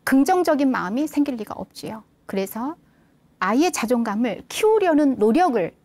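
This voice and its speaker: A woman's voice: high-pitched, sing-song, normal speed, darkish tone, no room sound. A woman parenting educator lecturing a live audience, often putting rhetorical questions to them.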